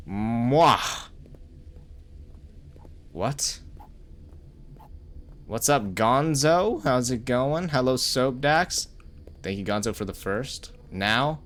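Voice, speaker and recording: Casual game-stream commentary from a young-sounding man, lively pitch, lots of swearing. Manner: chatty, cursing, greets chat between reactions.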